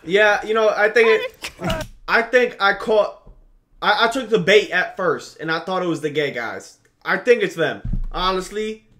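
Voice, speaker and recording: Slangy high-voiced man reacting on stream. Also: expressive, measured pace, bright, forceful tone, a little hiss or hum. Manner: loose slangy banter, swearing. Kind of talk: casual live reaction commentary. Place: bedroom. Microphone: headset.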